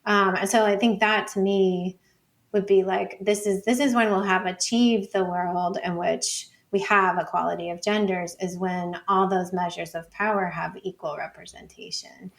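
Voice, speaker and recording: This academic researcher, a woman guesting on a podcast, chats casually and drops "like" and "you know" throughout her points. She has a mid-range voice with a steady tone, moderate pace, and noticeable vocal fry.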